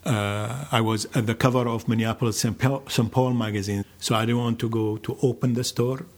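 An older man from Iraq, telling his life story in a slow, measured, reflective way with many pauses. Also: medium pitch, fairly even intonation. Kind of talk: personal storytelling.

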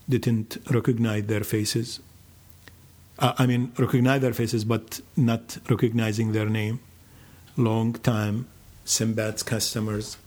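Older guy telling his story, low voice, real slow and thoughtful, lots of pauses. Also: darkish tone. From Iraq. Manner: slow, measured, reflective with many pauses. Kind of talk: personal storytelling.

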